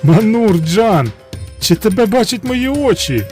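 An anxious old mother from a fairy tale, as a male narrator puts her on, imploring and raised in pitch. She frets aloud over her son. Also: animated, normal speed, warm tone, faint music behind, close to an everyday voice. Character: worried old mother, woman, fearful and loving.

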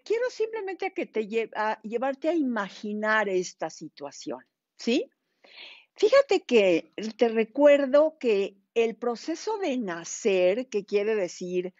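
A woman psychologist gives a live-streamed talk, slow and deliberate, stressing her points and speaking straight to her viewers. Her voice is dry and close, picked up by an earphone headset. The stream audio sounds dull and lo-fi. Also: mid-range voice, darkish tone, no room sound. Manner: slow, emphatic, addresses listeners directly. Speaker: psychologist and host.

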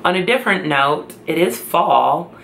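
A young woman talks to her camera at home in an unhurried, heavy drawl. Her voice is strongly gravelly yet bright in tone, tired and close to tears while she tries to sound hopeful. A faint hum of room ambience sits behind her. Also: lowish voice, lively intonation. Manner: tired, slow and tearful, trying to stay upbeat. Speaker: pregnancy vlogger. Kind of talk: emotional personal vlog.

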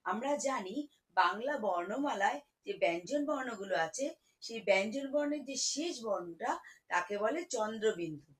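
A woman teaching children to read, spelling words out slowly syllable by syllable. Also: medium pitch, animated, poor audio. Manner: slow, syllable-by-syllable spelling, warm teacherly coaxing. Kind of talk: children's reading lesson.

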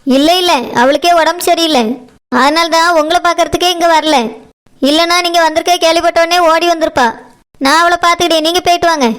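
A woman's voice: extremely high pitch, level tone, quick pace, a bit bright. A woman voicing a stern, domineering mother who talks in a harsh, commanding way, in a cartoon. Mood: evasive. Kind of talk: cartoon voice acting.

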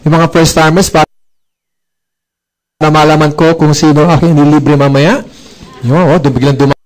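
A man giving an animated motivational talk to a live audience. He jokes, quizzes the crowd and acts out bits of dialogue. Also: fairly high pitch, moderate pace, low-quality recording. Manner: joking, asks the audience questions, acts out dialogue. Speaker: speaker at a business presentation.

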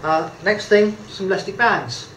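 A British man in his fifties, his voice high-pitched and a bit bright, gives a casual photography tutorial at a table in an indoor room, speaking at a moderate pace. He's chatty and good-humoured but hesitant, with plenty of ums and uhs. A camera mic a few feet away picks him up in an echoey room with faint ambience and slight background noise.

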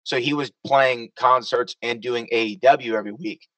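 A man's voice: mid-range voice, steady tone, moderate pace, fairly bright tone, no echo, far from the mic, poor audio. Chatty male co-host, a bit off-mic. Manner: chatty, upbeat, introduces guests. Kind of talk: casual podcast chat.

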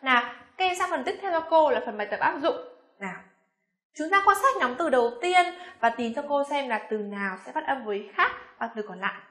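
A young woman with a Vietnamese accent teaching English pronunciation, coaxing and slowly repeating each word with frequent check questions. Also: high voice, animated, fairly bright tone, roomy sound. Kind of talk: classroom pronunciation lesson.

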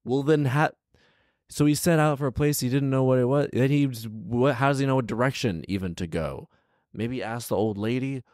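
Sitting indoors in a small living room, a man in his thirties reads a fairy tale into a close-held handheld mic, pausing for casual, incredulous, bantering asides as storyteller and host. His voice is medium in pitch and darkish, with no room sound.

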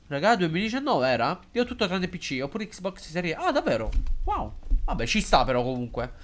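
Excitable man streaming a game. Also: on the high side. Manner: excitable and jokey, swings between loud outbursts and mumbling; halting, hesitant when switching into English. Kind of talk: casual live game commentary.

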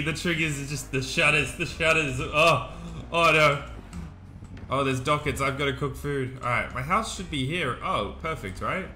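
Young male game commentator, chatty and excitable, bright tense tone. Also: medium pitch, slight background noise. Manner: excitable, chatty, laughs often. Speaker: gaming streamer. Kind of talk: casual gameplay commentary.

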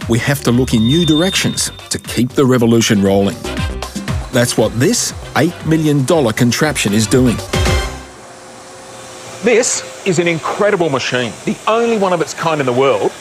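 A man's voice: medium pitch, lively intonation, normal speed. Guy narrating a tech doc, upbeat presenter voice, music playing behind. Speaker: science reporter. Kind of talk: scripted documentary narration.

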